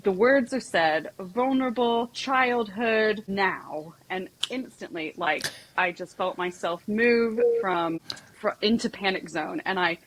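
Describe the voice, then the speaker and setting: A woman's voice: lowish voice, unhurried, fairly bright tone, a little hiss or hum, low-quality recording. A woman psychotherapist and equine coach, talking as a podcast guest in a chatty storytelling way, full of "like" and "you know". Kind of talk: casual podcast conversation.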